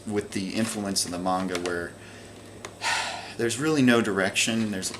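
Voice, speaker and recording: Speaking a little slowly in a lowish voice, a native English-speaking vlogger who collects video games rambles through his latest purchases. The show-and-tell is casual and unscripted, full of fillers and restarts, with background noise behind him.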